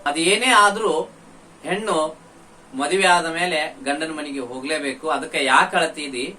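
Bright high-voiced man explaining a song. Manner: breaks into slow singing of the verses. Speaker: teacher of devotional folk songs. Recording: distant mic with faint background noise.

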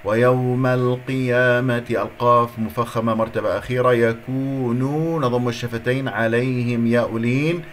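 Male recitation teacher, slow chanted examples and quick corrective asides, faint background hiss. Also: mid-range voice, level tone. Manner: slow drawn-out recitation alternating with quick explanations; corrective, repeats words and points out errors. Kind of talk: letter-by-letter recitation lesson.

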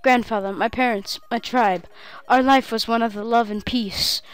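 A woman reading out an earnest young woman of the plains from a game, in a quiet voice. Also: fairly high pitch, steady tone, normal speed, clean tone, soft background music, close to an everyday voice. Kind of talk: reading game dialogue aloud.

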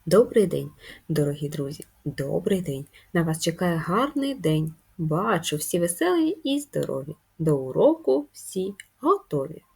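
A woman teacher giving a slow, deliberate lesson to young children, jumping up high on the key words. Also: animated, gravelly, a little mellow, slightly rough. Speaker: primary school teacher.

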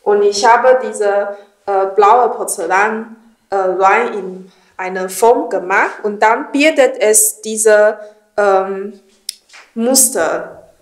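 A woman in her thirties from Taiwan, a ceramic designer explaining her work in careful, halting German with many fillers. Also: medium pitch. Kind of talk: studio tour explanation. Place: indoor ceramics studio, small room. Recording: roomy studio echo.

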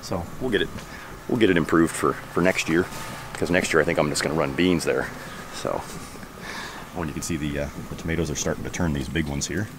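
A man in his thirties casually walking through his backyard garden, talking in a relaxed, rambling way with lots of fillers, filmed on a handheld camera outdoors. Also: rumbling low, brisk. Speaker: homesteading vlogger. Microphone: camera held at arm's length. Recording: outdoor background noise.

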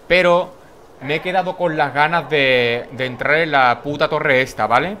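Castilian-accented man, bright gaming commentary. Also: fairly high pitch, moderate pace, slight background noise. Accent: Spain, Castilian. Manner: swearing, chatty, jokey. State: tired late at night. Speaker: gaming YouTuber. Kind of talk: casual gameplay commentary.

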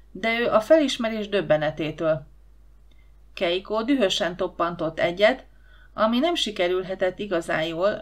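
Female audiobook narrator, lively storyteller, medium pitch. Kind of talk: scripted narration.

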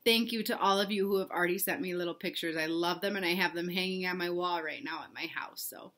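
A young adult woman with a fairly low, slightly bright voice reads a picture book quickly to young children. She's a read-aloud host or teacher in her living room at home, reading expressively and asking her audience simple questions.

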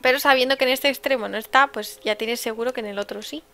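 Bright, excitable Spanish woman gamer. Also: on the high side, fast talker, a little hiss or hum. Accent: Spain Spanish. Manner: chatty and excitable, with sudden exclamations. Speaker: let's-play host. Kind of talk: casual gameplay commentary.

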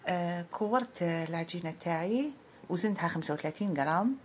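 Friendly Algerian woman, low voice, cooking tutorial host, slight background hiss. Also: expressive, brisk. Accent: Algerian Arabic. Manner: friendly, addresses viewers as sisters.

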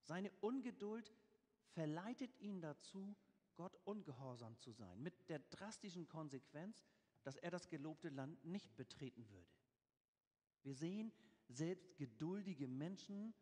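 A man's voice: on the high side, animated, a little slow, dark tone. A man preaching a sermon, reading scripture aloud with emphasis and explaining it in plain everyday words. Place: church. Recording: church with long reverb.

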